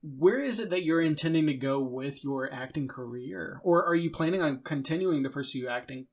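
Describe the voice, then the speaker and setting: A man's voice: a little high, normal speed. A man hosting a podcast, interviewing a guest in a casual, rambling conversational way.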